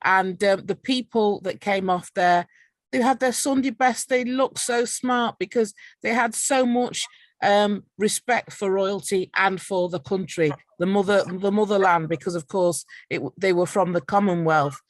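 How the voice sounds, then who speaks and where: A woman's voice: medium pitch, fairly even intonation, a little slow, dry recording. A woman hosting an interview in a casual, conversational way. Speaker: interviewer, host.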